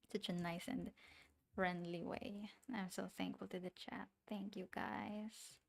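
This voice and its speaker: A woman's voice: lowish voice, creaky. A young woman with a non-native English accent, chatting in a rambling, giggly way with her chat as she draws on a livestream. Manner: rambling and giggly, talking to herself as she works. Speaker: streamer. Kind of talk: casual chat while drawing on a livestream.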